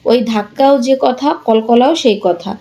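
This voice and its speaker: A woman teaching Quran reading, with a Bangladeshi Bengali accent, patiently spelling out letters and vowel marks and reading each example slowly. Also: fairly high pitch, gravelly, warm tone. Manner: patient, repetitive, explains rules then reads examples slowly. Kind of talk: spelling out and drilling letter sounds.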